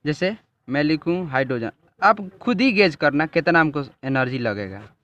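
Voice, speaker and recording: Casting: male chemistry teacher, slightly high voice, drawn-out explanations, dull lo-fi recording. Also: lively intonation, a bit bright. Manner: drawn-out explanatory, repeats and checks "ठीक है". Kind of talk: classroom lesson with a student.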